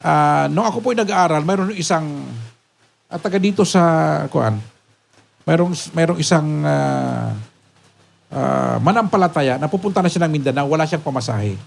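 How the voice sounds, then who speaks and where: A man preaching a sermon as a pastor. He keeps asking "Ha?" to check on his listeners, climbs to emphatic peaks, and drops low and soft when he tells a story. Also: expressive, moderate pace, creaky. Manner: preaching with frequent rhetorical "Ha?" checks.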